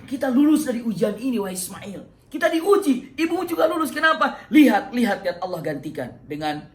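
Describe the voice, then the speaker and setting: Man playing an overjoyed old prophet, near shouting. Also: medium pitch, moderate pace, close to an everyday voice. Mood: jubilant.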